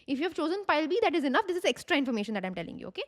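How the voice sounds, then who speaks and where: Female tarot reader, Indian accent, higher-pitched, rapid delivery, conversational Hindi-English code-mixing, direct address. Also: very animated. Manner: mixes Hindi phrases into English; addresses the listener directly, checking in with "okay?". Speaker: tarot reader and video host. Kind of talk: informal tarot reading to camera.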